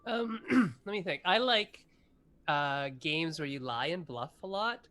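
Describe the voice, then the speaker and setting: A game designer in his forties chats as an interview guest, rambling enthusiastically and peppering his speech with fillers. His voice sits a little high, with lively intonation, an unhurried pace, and a bright, forceful tone.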